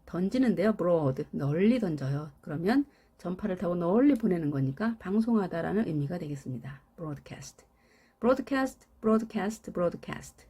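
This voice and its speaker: A woman's voice: mid-range voice, warm tone, breathy edge. A woman teaching English verbs in Korean, repeating each word in rhythmic sets and explaining meanings with everyday examples. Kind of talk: scripted lesson on verbs.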